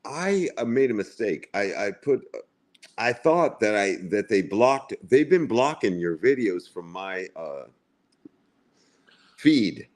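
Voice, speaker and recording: A livestream co-host in his forties chats casually, rambling and repeating himself. His lowish voice has a sing-song lilt and moves at a slow pace.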